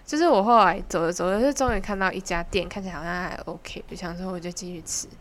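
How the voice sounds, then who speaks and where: A woman's voice: on the low side, quick pace. Chatty young Taiwanese woman telling a story. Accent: Taiwanese Mandarin. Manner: animated, chatty, giggly storytelling. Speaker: podcast host. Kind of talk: casual storytelling chat.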